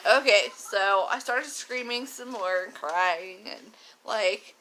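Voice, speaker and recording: A woman's voice: medium pitch, takes it slowly, pushed and bright, slight background noise, low-quality recording. A young woman telling a personal story casually to her phone camera, chatty and frank, rambling with fillers and the odd swear word.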